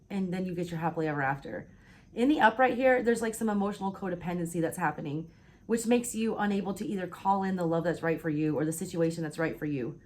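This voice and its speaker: Woman, Southern US accent, casual tarot reading, blunt and swearing, keeps asking "all right?", hiccuping. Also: mid-range voice. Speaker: tarot reader.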